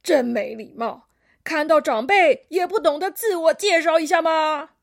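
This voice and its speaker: A woman's voice: sits high, normal speed, voice pushed up. A woman voicing a grumpy, proud old male koala who scolds everyone, in a children's storybook. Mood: grumbling.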